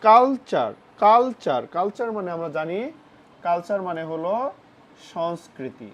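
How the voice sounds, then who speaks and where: Teacher for a children's phonics lesson, patient and repetitive, mid-pitched voice, muffled recording. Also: moderate pace, a little hiss or hum. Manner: spells words letter by letter and asks questions of the pupils; patient, repeats each word and its meaning. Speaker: English vocabulary teacher for children. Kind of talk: classroom-style phonics lesson.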